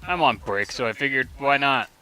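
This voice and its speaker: A man's voice: mid-range voice, animated, brisk, pushed and bright, rough recording. A man hosting a game playthrough, joking and self-mocking as he reads the story aloud. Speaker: let's play host. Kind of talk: casual game commentary and reading aloud.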